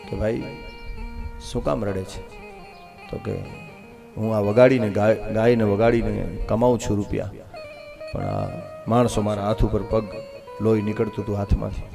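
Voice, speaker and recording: A man's voice: fairly low pitch, vocal fry. Dramatic male katha preacher. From Kutch, Gujarat. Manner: dramatic storyteller, swinging between hushed and loud. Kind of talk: devotional storytelling sermon. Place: open-air katha stage before a crowd.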